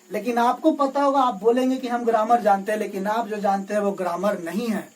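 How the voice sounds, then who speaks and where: A man's voice: high-pitched, darkish tone, recorded from a distance, rough recording. A male English teacher giving a classroom lecture, asking questions and answering them himself and often checking in with the class. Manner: keeps checking in with "okay?" and "remember". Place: classroom with a board. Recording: voice from away from the mic.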